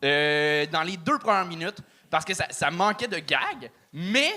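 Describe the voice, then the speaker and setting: Un homme à l'qui donne un avis détendu et blagueur à une humoriste. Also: male voice, fairly high pitch, lively intonation, unhurried, bright, forceful tone. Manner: casual, joking feedback with laughs. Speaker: comedy show judge.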